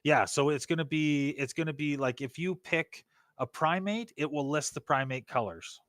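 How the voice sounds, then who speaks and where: A man's voice: on the high side, moderate pace, fairly bright tone, no room sound, clean studio sound. A man co-hosting a casual live stream, laid-back and full of "dude" and "like". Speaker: co-host and shop owner.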